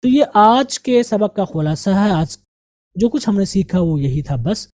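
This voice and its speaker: A woman with an Indian Urdu-speaking accent teaches an English grammar and vocabulary lesson in a mellow, dark, medium-pitched voice that stays expressive. She works through words slowly and deliberately, repeating each one so learners catch the pronunciation. The recording is close and dry, with no room sound.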